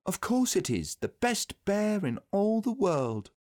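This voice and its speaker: A man's voice: fairly high pitch, big pitch swings, moderate pace, darkish tone, voice pushed up. A man voicing an earnest, kindly, eager young boy in a storybook reading. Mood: excited.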